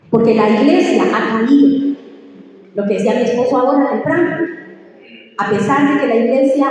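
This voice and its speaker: Woman pastor, high voice, animated sermon, distant mic in an echoey church. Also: a little hiss or hum. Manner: animated storytelling preacher. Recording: echoey hall from far off, dull.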